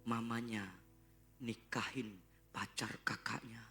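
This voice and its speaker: Gravelly preacher man. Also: mid-range voice, fairly even intonation, slow pace. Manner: preaching with big swings between shouts and hushed whispers. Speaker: pastor. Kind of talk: sermon. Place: church hall. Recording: live church sermon with guitar. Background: guitar music.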